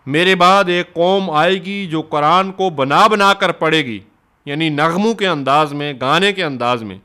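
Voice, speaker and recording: A man giving a scripted religious lesson, reading in a measured, explanatory way and reciting quotations. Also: on the high side, bright, forceful tone, smooth. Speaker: religious teacher.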